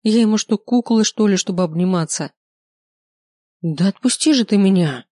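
Grumbling, defiant young heroine for an audiobook, put on by the reader, pitched up, dry recording. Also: normal speed, mellow, no echo, natural voice. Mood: indignant. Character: sharp-tongued young woman werewolf heroine. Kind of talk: audiobook character voice.

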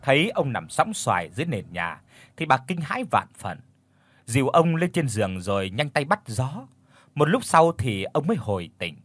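A man reading a horror story aloud as an audiobook narrator, dramatic, with tense pauses. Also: mid-range voice, big pitch swings, fairly bright tone, dry recording.

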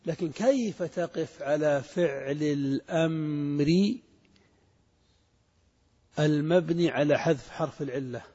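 A man's voice: a little high, slow, long pauses, warm tone, slightly rough. A man teaching Arabic grammar to a class, asking students questions and repeating their answers. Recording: muffled recording in a reverberant hall.

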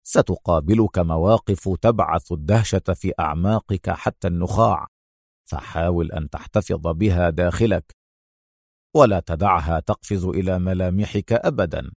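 A man voicing a cool, sardonic male secret agent, speaking low, calm and dryly mocking. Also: fairly quick, no room sound, studio quality.

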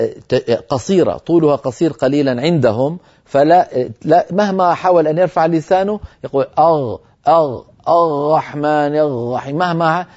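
A man's voice: mid-range voice, dark tone. A man teaching Quran recitation on television, explaining and demonstrating letter sounds aloud. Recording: dull lo-fi broadcast audio.

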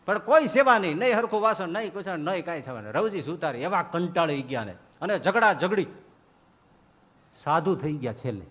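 A male preacher giving an animated sermon, quoting verses and acting out stories as he goes. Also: on the high side, brisk. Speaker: religious preacher. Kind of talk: sermon with storytelling.

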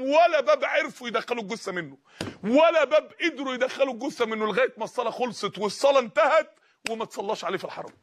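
A man with an Egyptian accent preaching an emotional sermon, rising to shouts and dropping to hushed pleas. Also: very high-pitched. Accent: Egyptian Arabic. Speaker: Islamic preacher.

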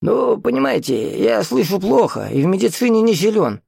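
A man's voice: sits high, sing-song, moderate pace, vocal fry, a little mellow, breathy edge, no room sound, clean studio sound, pitched above the performer's own voice, heavily acted. A man doing a flustered, stammering old teacher. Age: older. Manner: agitated, stammering, babbling. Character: flustered elderly male village teacher, hard of hearing.

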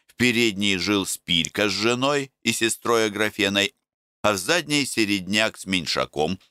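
A man reading a classic story aloud as an audiobook narrator, in a measured storytelling manner. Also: lowish voice, lively intonation, pushed and bright, clean tone, no room sound, clean studio sound. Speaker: audiobook reader. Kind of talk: scripted literary narration.

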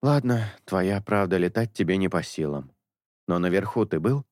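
A man's voice: sits low, lively intonation, normal speed, a little mellow, no echo, clean studio sound. Man voicing a patient, coaxing young priest. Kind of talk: audiobook character dialogue.

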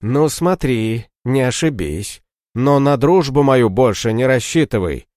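A man's voice: mid-range voice, expressive, a little slow, no room sound, studio quality, pitched above the performer's own voice, lightly acted. A man voicing a hot-tempered, rather dim male warrior leader who barks orders in an audiobook story. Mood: angry. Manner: shouting, bossy.

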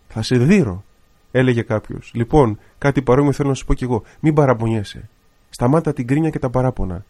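A man's voice: medium pitch, darkish tone. A man, a priest and radio host, preaching an earnest sermon on air and exhorting listeners with repeated phrases.

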